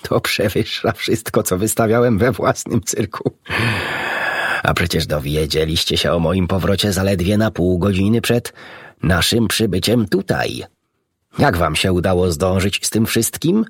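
A man voicing a kindly, jovial animal doctor in a storybook reading, warm and laughing. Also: deep voice, lively intonation, a little slow, breathy edge, dry recording, studio quality, full character voice.

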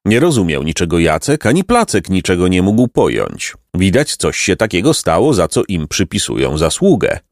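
Male storybook narrator, low voice with a lively, swinging melody, very dry close sound. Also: moderate pace, few pauses, no echo. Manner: expressive, lilting reading.

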